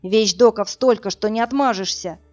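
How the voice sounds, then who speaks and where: A woman voicing a cocky, brusque burly man who talks in a hurried, mocking way. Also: mid-range voice, darkish tone, lightly acted. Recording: dull lo-fi audio, faint music.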